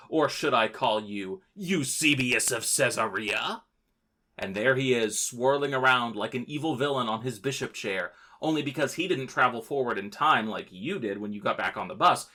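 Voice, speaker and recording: A man hosts a history podcast, reading his script with playful jokes and theatrical asides. His pitch swings widely as he narrates, and his tone is bright and forward. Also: lively intonation, normal speed, few pauses. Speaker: podcast host.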